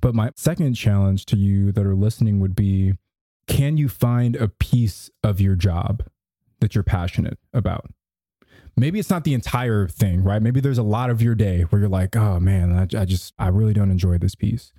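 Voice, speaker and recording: A man's voice: on the low side, moderate pace, warm tone, no room sound, clean studio sound. A man co-hosting a podcast, giving casual, conversational advice and often checking in with the listener. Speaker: podcast co-host.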